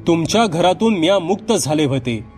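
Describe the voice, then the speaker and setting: A man's voice: fairly high pitch, lively intonation, fairly quick, darkish tone, faint music behind, pitched above the performer's own voice, close to an everyday voice. A man voicing a vengeful female ghost who possesses a young village nurse, speaking in rural Marathi with a harsh, growling, threatening manner. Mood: menacing. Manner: menacing, taunting threats.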